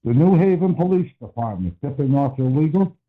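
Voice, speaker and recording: A man's voice: on the high side, animated, brisk. An older man calling in to a talk radio show over a muffled bluetooth headset phone line, telling a story in a blunt, rambling way. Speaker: caller.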